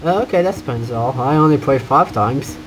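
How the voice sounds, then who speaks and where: A man's voice: mid-range voice, animated, fairly quick, poor audio. A man giving casual playthrough commentary, teasing his co-player and humming along to the game music. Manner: teasing, hums game tunes. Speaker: gameplay commentator.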